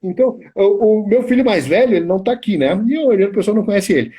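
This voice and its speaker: Middle-aged Brazilian teacher, husky and mellow, rambling storyteller on a live stream. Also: male voice, high voice, lively intonation, quick pace. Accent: Brazilian Portuguese. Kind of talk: casual chat on a live stream.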